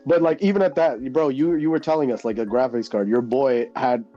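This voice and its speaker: A man's voice: mid-range voice, fairly quick, mellow, faint music behind. A man hosting a gaming livestream, talking bluntly with lots of swearing and laughter. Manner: blunt, profane, laughing rants. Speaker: livestream host. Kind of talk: casual gaming chat. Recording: dull lo-fi stream audio.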